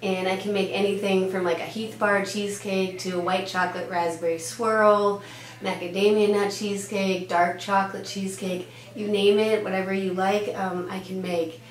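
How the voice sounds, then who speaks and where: This is a woman in her thirties, born in Denmark and a native Danish speaker, talking casually as a pediatrician in an interview. She keeps a level tone and moderate pace at medium pitch, filling her answers with frequent "uh"s and "um"s, recorded in an echoey room with a faint hum.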